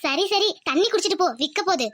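A woman's voice: very high-pitched, lively intonation, fast talker, fairly bright tone, no room sound, clean studio sound. A woman voicing an indulgent, fussing village mother in a cartoon, scolding her son fondly. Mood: indulgent, fussy. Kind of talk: Tamil cartoon voice acting.

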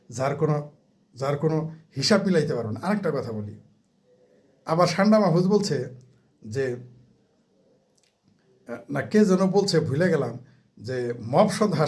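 Male political commentator, mocking and heated, slightly high voice, fires rhetorical questions. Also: darkish tone. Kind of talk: ranting political monologue.

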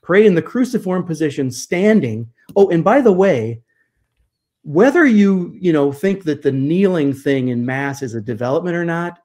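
Man in his fifties, video call, emphatic, animated, somewhat high voice. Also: moderate pace. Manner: animated, gestures with hands, emphatic rhetorical questions. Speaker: guest church historian. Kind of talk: conversational interview over video call. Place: home study with bookshelves. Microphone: video call webcam.

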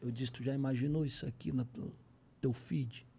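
A man, a comedian telling a comic story on a podcast in slangy, profane talk, swinging between low mutters and loud exclamations. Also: fairly even intonation, moderate pace, vocal fry, breathy edge.

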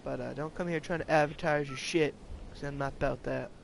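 Gravelly young man streaming a game. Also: a little high, fairly even intonation, a little fast, slight background noise. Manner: joking, swears a lot, calls out to chat. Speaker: gaming streamer. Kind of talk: live game commentary.

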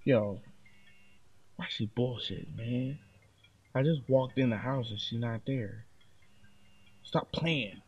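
A man's voice: mid-range voice, slow, pauses often, darkish tone, lo-fi sound. A man playing an irritated, sarcastic young man in casual dialogue from a found-footage horror short. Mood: annoyed. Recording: clearly noisy amateur film sound.

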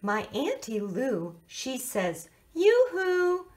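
A female teacher reading a children's picture book aloud, playful and expressive. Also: medium pitch, slow. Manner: sing-song, playful, expressive read-aloud. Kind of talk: storybook read-aloud for children.

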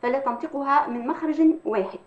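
A woman, an Arabic language professor, explains in a measured academic way and often pauses on hesitation sounds. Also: high-pitched. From Tunisia. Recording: echoey, dull lo-fi sound.

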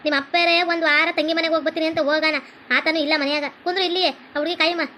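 A woman's voice: extremely high pitch, little pitch movement, very fast, bright, forceful tone, slight background noise. A woman playing a scolding village mother-in-law who nags in a North Karnataka Kannada accent. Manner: scolding, nagging.

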